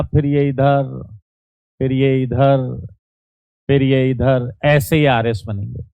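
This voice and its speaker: Man, online chemistry lecture, teasing playful teacher, unhurried delivery, fairly high voice. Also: clear, resonant tone, dry recording. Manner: playful, teasing students, calls out live chat answers.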